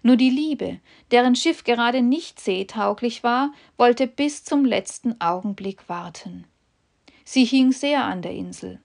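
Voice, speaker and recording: A woman narrating a fable in a calm, measured storybook reading. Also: on the high side, creaky.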